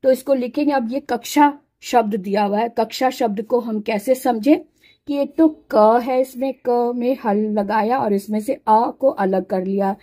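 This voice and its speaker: A woman's voice: a little high, unhurried, mellow, no echo. A woman teaching a Hindi alphabet lesson patiently, sounding out syllables one at a time and explaining each step. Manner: explains while writing, pointing at letters.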